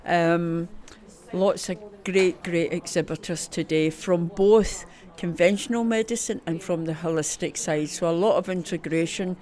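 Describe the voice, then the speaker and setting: At a busy festival venue in a football ground, a festival organiser with a broad Scottish accent chats enthusiastically in a casual interview, often repeating words. Her voice is lowish and darkish, at a measured pace.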